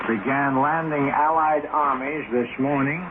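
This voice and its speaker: A man's voice: mid-range voice, fairly even intonation. A man delivering a formal wartime radio announcement, heard through a staticky old 1940s broadcast. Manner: slow, measured official delivery. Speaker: military spokesman reading a bulletin. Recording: crackly narrow-band 1940s shortwave radio with static.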